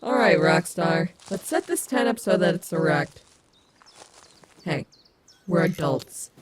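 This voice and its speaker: A sassy animatronic wolf diva played by a woman in an audio roleplay, quick to get annoyed. Her voice sits on the low side and swings widely in pitch, sarcastic and dramatic. Loud vehicle-like background noise runs behind her. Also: expressive. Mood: grudging, wry.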